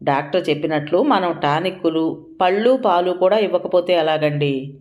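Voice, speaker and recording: A woman voicing a worried, gentle young wife and mother who speaks softly and pleadingly. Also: lowish voice, normal speed, lo-fi sound, close to an everyday voice. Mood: anxious. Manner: soft, pleading.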